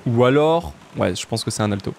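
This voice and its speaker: A man with a southern French accent, chatting casually and jokily while playing a game, often jumping up in pitch for emphasis. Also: expressive, brisk, creaky, a little mellow, a little hiss or hum. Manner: chatty, jokey, jumps to high pitch for emphasis. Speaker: let's play streamer. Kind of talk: casual gameplay commentary.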